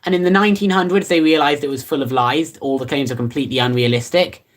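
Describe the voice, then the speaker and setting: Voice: mid-range voice, quick pace. A livestreamer chatting casually and reading out viewer comments. Rambles offhand, with many fillers and restarts and a playfully sarcastic edge.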